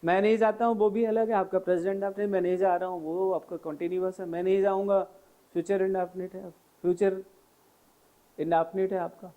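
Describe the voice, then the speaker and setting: A man teaching English grammar in Hindi with an Indian accent, explaining patiently through many repeated examples and slowing down on English phrases. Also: high-pitched, little pitch movement, dark tone, rough recording.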